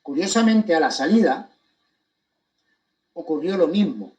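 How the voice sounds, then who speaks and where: A man with a slightly high voice and a Spanish accent from Spain addresses his audience in a monologue. He is deliberate and emphatic, setting key phrases apart with pointed pauses. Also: expressive, a little mellow. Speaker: commentator giving his account of a court case.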